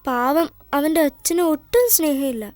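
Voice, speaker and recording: A woman's voice: sits high, moderate pace, a little mellow, dry recording, lightly acted. A woman dubbing a chatty, sassy six-year-old girl in a film, with a bossy, whiny manner. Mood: complaining.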